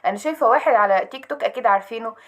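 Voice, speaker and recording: Young Egyptian woman, rapid-fire, higher voice, pep talk to students. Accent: Egyptian Arabic. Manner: urgent, coaxing, asks and answers herself. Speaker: study motivation speaker.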